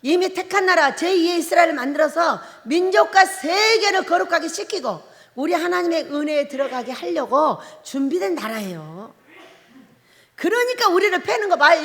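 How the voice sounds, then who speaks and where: A woman's voice: very high-pitched, fairly bright tone. A woman pastor from Korea's Jeolla Province preaching a sermon, emphatic and firing rhetorical questions at the congregation. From Jeolla Province, South Korea. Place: prayer retreat chapel. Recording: long reverb of a large hall.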